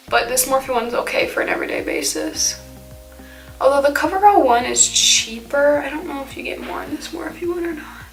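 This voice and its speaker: Bright-voiced teenage girl doing makeup. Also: on the high side. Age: teens. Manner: chatty, fills with "like" and trailing thoughts. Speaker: beauty vlogger. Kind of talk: casual makeup tutorial chat. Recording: echoey room with faint music.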